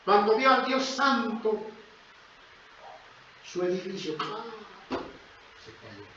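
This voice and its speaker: Man preaching in a church, goes quiet then booms out, bit high voice, super echoey and muffled. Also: very animated, slow pace. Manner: emphatic, swings from soft to loud. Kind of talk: sermon. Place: church hall. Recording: echoey church, dull lo-fi sound, noisy.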